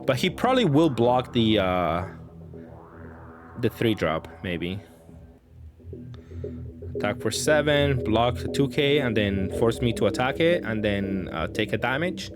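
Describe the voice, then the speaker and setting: Thinking aloud over his own card game, a man offers casual, improvised commentary that's hesitant and often trails off. His mid-range voice is very animated yet unhurried, with frequent pauses, and background music plays.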